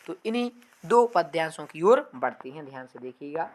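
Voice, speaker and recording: A woman giving an exam-prep lesson on a poem. She recites lines slowly and loudly, then explains them in a softer voice, calling her students dear children. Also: low voice, big pitch swings. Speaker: teacher.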